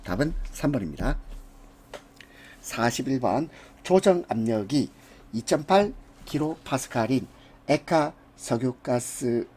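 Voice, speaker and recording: Husky-voiced man giving an exam prep lecture. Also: mid-range voice, darkish tone. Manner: walks through answers step by step, with casual asides.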